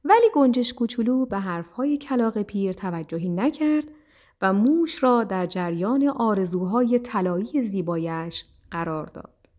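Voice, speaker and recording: Female storyteller, calm and steady, mid pitch. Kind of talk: children's story narration.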